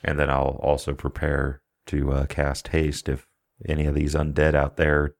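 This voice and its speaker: A man's voice: very deep voice, monotone, normal speed. A man playing a tabletop game, chatting casually and gleefully describing grisly details with frequent laughter. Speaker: player.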